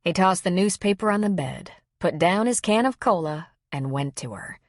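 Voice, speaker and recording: A woman narrating an audiobook in a brisk, even reading. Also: fairly low pitch, dry recording, clean studio sound. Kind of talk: scripted narration.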